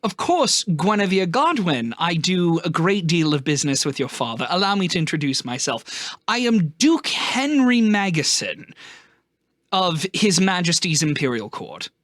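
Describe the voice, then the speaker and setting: A man's voice: sits high, very animated, normal speed, fairly bright tone, no room sound, clean studio sound. A man voicing a patronizing noble duke who speaks with stiff, formal courtesy.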